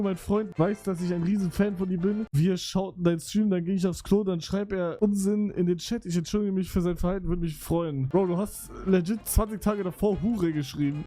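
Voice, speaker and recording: A young man streaming live, reading out chat messages in a mocking, casual way, swearing often and jumping between muttering and loud outbursts. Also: high-pitched.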